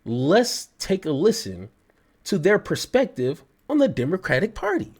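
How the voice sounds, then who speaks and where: Heated, mocking man with a high lively voice. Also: unhurried, slightly rough. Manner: heated, mocking, stammering when worked up. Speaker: reaction commentator. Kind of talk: angry reaction commentary.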